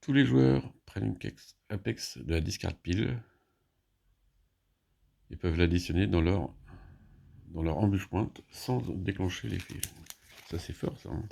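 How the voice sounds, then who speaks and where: A man walks through his board game turns in a relaxed, halting way, often stopping to restart a phrase. His voice sits very low with a gravelly fry and a husky edge. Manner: hesitant, many fillers and restarts, thinking aloud. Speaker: board game player explaining a solo playthrough. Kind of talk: casual play-by-play explanation.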